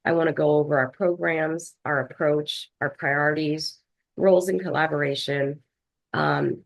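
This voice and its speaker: Low, gravelly woman, health department leader presenting over a video call, measured with fillers. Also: low-quality recording. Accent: Philadelphia. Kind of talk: formal online meeting presentation.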